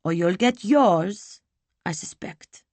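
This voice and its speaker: A woman voicing a gruff, blunt male smuggler in a slow, coarse drawl for an audiobook. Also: on the low side, expressive, darkish tone, no room sound. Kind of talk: audiobook character voice.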